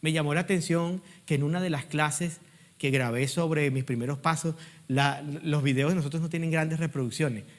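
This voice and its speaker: Middle-aged male pastor, sermon delivery, slightly high voice, emphatic peaks and hushed asides. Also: steady tone, moderate pace. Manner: preaching with call-and-response prompts to the congregation; swings between loud emphatic peaks and quiet low asides.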